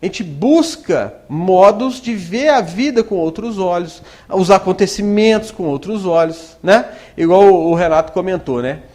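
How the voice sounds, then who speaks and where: A man from Brazil gives a spiritist lecture, his voice fairly high for a man. He swings his pitch up and down in an animated way. He keeps throwing rhetorical questions at the audience and acts out quoted voices. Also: measured pace, hardly any pauses. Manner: conversational, full of rhetorical questions. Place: spiritist center hall.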